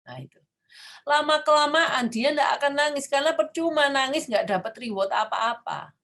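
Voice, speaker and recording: A woman's voice: sits high, normal speed, fairly bright tone. A middle-aged woman with an Indonesian accent, a clinic founder giving parents informal advice, explaining patiently and acting out short quotes.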